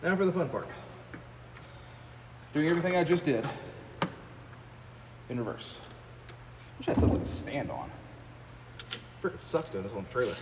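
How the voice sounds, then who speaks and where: An American trucker and vlogger, a native English speaker, rambles casually through a hands-on repair, muttering in a folksy, self-deprecating way. His voice is on the high side with big pitch swings, normal speed and frequent pauses. The echoey, distant-mic recording carries clear workshop noise.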